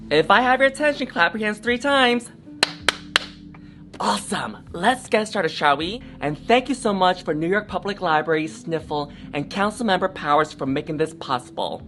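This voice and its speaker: Reading a picture book for children, this woman adopts a dramatic, encouraging manner and regularly addresses her young listeners. A drag storytime reader, she has a low-leaning, fairly bright voice.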